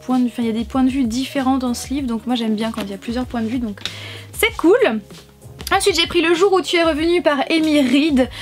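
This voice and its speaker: Chatty high-voiced woman vlogger. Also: quick pace, few pauses, faint music behind. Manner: chatty, hesitant with many fillers. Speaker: book vlogger. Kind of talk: casual haul chat to camera.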